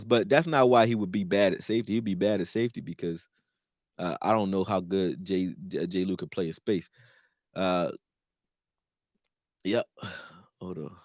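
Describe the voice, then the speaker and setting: Philly dude on a football livestream, cussing, gets hyped then mumbles, dry close mic. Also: male voice, no echo. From Philadelphia, raised; born in Texas. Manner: loose and profane, swings between excited and low mumbling. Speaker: sports talk host. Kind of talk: casual live-stream sports talk.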